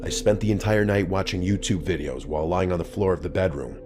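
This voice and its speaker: A man reading a scripted first-person horror story in a calm, even storytelling delivery. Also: deep voice, fast. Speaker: narrator. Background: faint background music.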